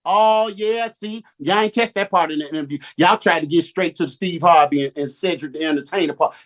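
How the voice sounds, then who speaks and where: Animated man preaching with street slang. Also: a little high, fairly quick. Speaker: speaker on a Zoom call. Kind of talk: preacher-style motivational talk.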